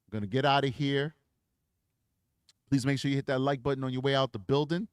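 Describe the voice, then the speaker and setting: A man's voice: mid-range voice, fairly even intonation, a little fast, clear, resonant tone, no echo, clean studio sound. A man hosting a true crime livestream, preaching with emphasis and then chatting casually through his plugs on a desk microphone. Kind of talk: impassioned livestream outro.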